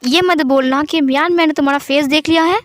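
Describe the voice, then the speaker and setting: Woman voicing a pushy nosy young guy, loud and high. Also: steady tone, a little fast, dry recording, close to an everyday voice. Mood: demanding. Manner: loud, pressing questions. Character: demanding, suspicious young man friend.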